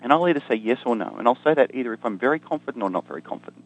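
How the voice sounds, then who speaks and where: An Australian economist guest explains ideas in conversation, talking very fast with a mid-range voice and lively intonation. His humor is dry and self-deprecating, full of ums and restarts, and the recording is rough.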